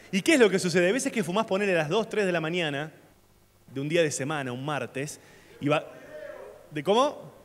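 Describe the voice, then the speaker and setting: Young Argentine comic, slangy and loose on a live stage; slightly high voice, reverberant hall. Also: male voice, slight background noise. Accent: Argentine Spanish. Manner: loose, slangy storytelling with sudden shouted bits. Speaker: stand-up comedian. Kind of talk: stand-up comedy set. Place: theater stage at a comedy festival. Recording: live theater with long reverb and faint ambience. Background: audience laughter.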